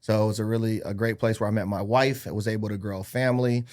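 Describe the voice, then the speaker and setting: Fast-talking and flat in delivery, this man has a lowish, darkish voice. He is in his thirties, was born in Hawaii, grew up in California and Arizona, and works in real estate. On a podcast, he tells his life story in casual chat, upbeat and quick to poke fun at himself.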